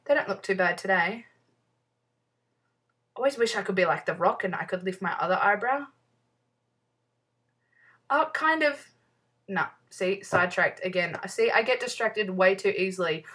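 A woman's voice: medium pitch, lively intonation, normal speed, long pauses, fairly bright tone, far from the mic. Giggly New woman vlogging. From New Zealand. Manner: chatty, giggly, many "um"s, easily sidetracked. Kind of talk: casual chat answering fan questions.

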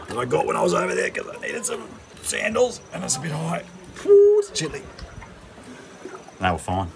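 A middle-aged man, chatting casually and slangily to camera in a laid-back way as a vlogger. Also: low voice. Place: outdoor rocky canyon in shallow water. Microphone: phone at arm's length. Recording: watery outdoor noise, phone video. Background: splashing, running water.

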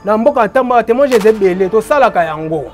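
In an interview, a traditional healer from Boma in Congo explains his remedies in a notably high, expressive voice at a fast clip. He repeats phrases emphatically and lets them trail off low and quiet, with faint music underneath.

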